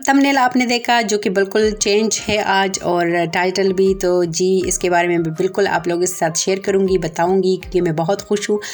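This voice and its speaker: A woman in her thirties with a Pakistani Urdu accent narrates her household day in a chatty, homely way, talking straight to her viewers. Her voice sits at an ordinary middle pitch, and soft music plays faintly behind her. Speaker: home vlogger. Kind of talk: casual home vlog narration.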